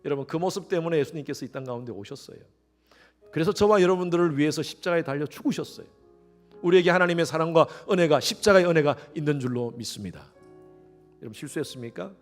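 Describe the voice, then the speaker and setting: A middle-aged male pastor preaching a sermon, swinging between quiet, intimate lines and sudden loud rises, and acting out the voices he quotes. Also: on the high side, quick pace, faint music behind. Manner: acts out quoted voices with animated shifts.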